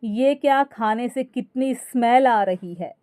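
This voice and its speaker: A woman's voice: fairly high pitch, slow pace, dark tone, no room sound, clean studio sound. A woman voicing a fussy middle-aged aunt visiting as a guest, who complains in a spoken story. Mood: offended.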